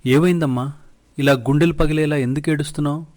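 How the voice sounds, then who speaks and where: Storybook sage: a kindly old holy man, slow and advising, read by a man. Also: on the high side, fairly even intonation, a little mellow, lightly acted.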